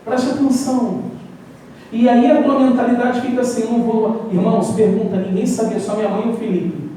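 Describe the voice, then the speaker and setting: A male preacher with a Brazilian accent tells his sermon as lively personal stories, acting out his own doubts. His voice sits high and mellow. It carries through a heavily echoing hall, picked up from a distance over faint background noise. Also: normal speed. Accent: Brazilian Portuguese. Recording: echoey hall, mic far off.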